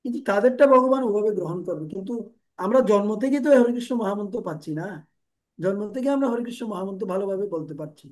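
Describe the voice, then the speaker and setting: High-voiced man giving a devotional class. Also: darkish tone. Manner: explains with everyday examples and rhetorical questions. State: strained throat from speaking loudly. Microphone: handheld microphone.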